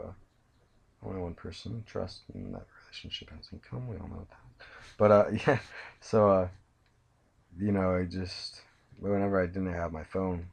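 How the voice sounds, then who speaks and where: Tired young man, low gravelly voice. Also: darkish tone, a little hiss or hum. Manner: halting and hesitant, many pauses and restarts. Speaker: vlogger telling his life story. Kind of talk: personal storytelling. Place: in bed at home.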